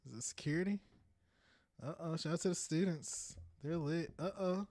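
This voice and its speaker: This thirty-something podcast host has a fairly high, slightly mellow voice and speaks at normal speed. He reads aloud while browsing, chatting animatedly and laughing often, in a clean studio recording with no room sound.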